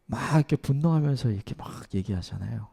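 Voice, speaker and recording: A man's voice: medium pitch, expressive, quick pace, creaky, slightly rough. A man preaching a dawn sermon as a pastor, reflective and now and then acting out the lines of the people in the passage. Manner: reflective, acts out quoted lines in softer voice. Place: church at dawn service.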